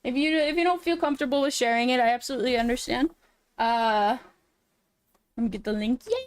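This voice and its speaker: A woman hosting a casual livestream, chatting in a cute, animated anime-streamer way with drawn-out words. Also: on the high side, smooth, no echo. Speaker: VTuber livestream host. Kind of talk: casual livestream chat while drawing.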